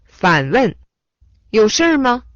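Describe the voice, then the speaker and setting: A woman reading phrase translations aloud in a language lesson, in a measured, clearly enunciated way. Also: on the high side, big pitch swings, no echo. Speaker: phrase reader. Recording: dull lo-fi dry sound.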